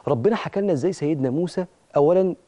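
Man, Egyptian accent, talk show host, religious motivational talk, emphatic, dark tone. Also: on the high side, very fast. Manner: preachy, emphatic, addresses listeners directly.

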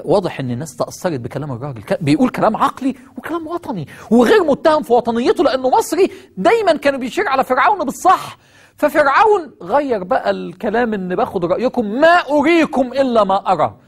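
A man's voice: on the high side, breathy edge. A man with an Egyptian accent preaching on Quranic verses, firing rhetorical questions at his listeners.

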